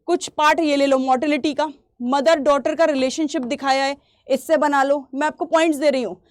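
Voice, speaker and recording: A woman teacher giving an exam revision lesson, reading English lines slowly and then explaining them, repeating key points and clearing her throat now and then. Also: sits high, fairly even intonation, dry recording, studio quality.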